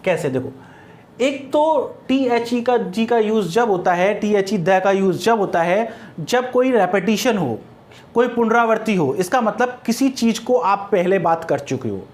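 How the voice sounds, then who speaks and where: Brief: male grammar teacher, patient and repetitive, asks then answers, dictates examples slowly. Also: high-pitched, expressive, a little mellow. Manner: repeats points, asks and answers his own questions; dictates example sentences word by word. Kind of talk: classroom-style grammar lesson.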